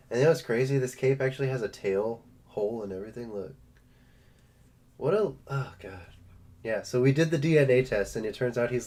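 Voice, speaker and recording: A man's voice: mid-range voice, darkish tone. Joking man opening trading card packs. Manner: joking, rambling, playful. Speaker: host of a card-opening live stream. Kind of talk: casual live stream chat.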